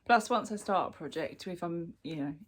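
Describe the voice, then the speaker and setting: In a casual show-and-tell chat, a British woman who vlogs about crochet walks through her work in progress at a moderate pace. Her fairly low voice sounds congested from a cold, and she often says um and starts over.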